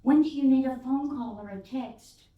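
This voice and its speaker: Heard through phone-quality sound that's roomy and distant, an older woman from Texas preaches as a guest in a church sanctuary. Her high voice keeps a moderate pace as she tells stories with fillers, animatedly voicing the characters.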